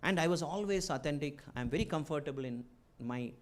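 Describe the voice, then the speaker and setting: A man's voice: on the high side, animated, quick pace. A middle-aged man from India with a strong Malayali accent, giving a motivational address to students as a guest speaker, in short emphatic phrases with repeated key words. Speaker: guest speaker, entrepreneur and former chief executive.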